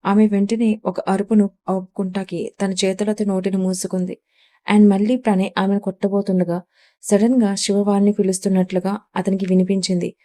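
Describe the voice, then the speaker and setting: Woman narrating, flat and mellow. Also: medium pitch, normal speed. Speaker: storyteller. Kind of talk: scripted narration.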